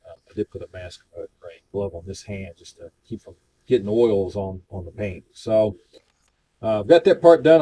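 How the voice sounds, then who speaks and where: A man casually narrating his scale model painting, talking in a relaxed, rambling way with many fillers. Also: lowish voice, a little hiss or hum. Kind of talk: casual hobby tutorial narration.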